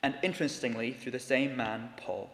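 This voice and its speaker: A man preaching a sermon in earnest, slowing down to stress key words. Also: mid-range voice, steady tone. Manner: earnest, slows down for emphasis. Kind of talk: sermon with dramatic reading. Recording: echoey hall with long reverb.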